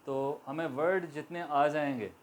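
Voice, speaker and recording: Guy teaching english grammar, kinda high voice, spells stuff out slow and repeats it. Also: steady tone, a little hiss or hum. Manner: slow, deliberate, spells words letter by letter; explanatory, repeats examples for learners. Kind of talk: classroom-style grammar lesson.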